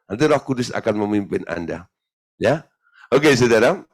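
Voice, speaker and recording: A male pastor telling a story in a teaching sermon, lively and often laughing. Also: on the low side, normal speed.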